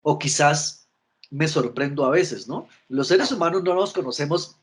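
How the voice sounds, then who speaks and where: Husky man giving a training talk. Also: a little high, unhurried. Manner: frequent restarts and repeated words, asks listeners for agreement. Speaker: trainer in emotional intelligence. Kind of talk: virtual training lecture.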